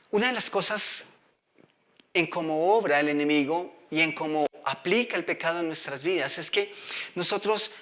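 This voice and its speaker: A man preaching a sermon in a high, bright voice. He reads scripture aloud and keeps turning to the audience with questions to draw them in.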